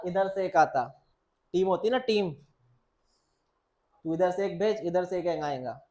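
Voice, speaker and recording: A male biology teacher speaking Hindi with English terms in a classroom lecture. He quizzes students with the same question several times and answers it himself, calling them "beta". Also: high voice. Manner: repeats key points and quizzes students, answering his own questions; coaxing, calls the listener "beta".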